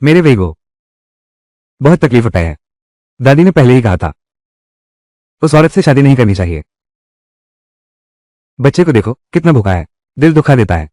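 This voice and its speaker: A man's voice: medium pitch, big pitch swings, normal speed, long pauses, dark tone, no echo, studio quality, close to an everyday voice. A man voicing a doting old grandmother. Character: doting elderly grandmother, fussing over a hungry grandson. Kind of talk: dubbed drama dialogue.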